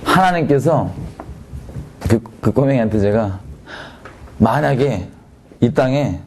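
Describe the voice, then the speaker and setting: Man preaching conversationally. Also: a little mellow. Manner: casual, conversational preaching with many rhetorical questions to the audience; sudden swings between raised and dropped pitch for emphasis. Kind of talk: sermon.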